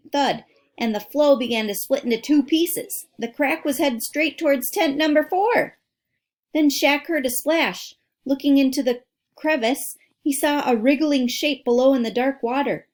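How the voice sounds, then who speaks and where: At home, a woman with a high voice and darkish tone reads a children's nonfiction story aloud as a teacher would, adding dramatic emphasis and speaking directly to her listeners in asides.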